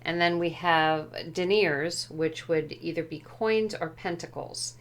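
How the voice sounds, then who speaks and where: A woman speaks in a lowish, unhurried voice as she walks through a tarot deck at home. She is careful and tentative and often hedges on how a word translates. Her pace stays slow and deliberate throughout. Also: fairly even intonation. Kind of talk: unhurried show-and-tell walkthrough.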